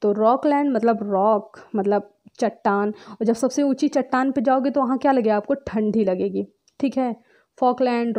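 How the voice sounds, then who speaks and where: A woman's voice: fairly high pitch, dark tone. A young woman gives a chatty, playful lesson on memory tricks, acting out little scenes. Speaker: teacher.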